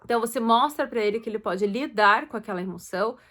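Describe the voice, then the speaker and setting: A woman's voice: fairly high pitch, fast talker, fairly bright tone. A woman gives casual advice to parents, chatty and loose, with many fillers and self-corrections. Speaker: host talking to parents.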